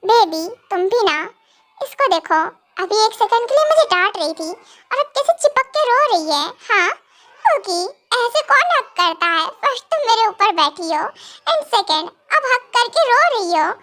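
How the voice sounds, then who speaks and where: A woman's voice: very high-pitched, very animated, normal speed, sharp tone, full character voice. A woman voicing a stern, possessive young husband in a fan audio drama, scolding and then coaxing.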